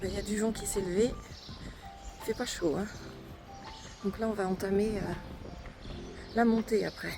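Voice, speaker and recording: A pilgrim vlogger chats casually while hiking uphill on a mountain trail, narrating her pilgrimage. Her medium-pitched voice is fairly even at a normal speed with long pauses, heard over music, wind, and outdoor ambient noise.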